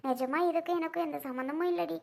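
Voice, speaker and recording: A woman playing a gentle elder sister-in-law who pleads softly and tries to soothe. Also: extremely high pitch, fairly even intonation, fast, creaky. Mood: pleading.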